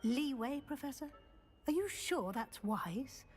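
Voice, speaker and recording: A proper school professor in a video game, courteous yet firm and wary. The voice is fairly high, with faint music behind. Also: female voice, lively intonation, a little slow, a little mellow. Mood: polite doubt. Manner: formal, polite but firm. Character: proper, concerned female deputy professor, politely sceptical.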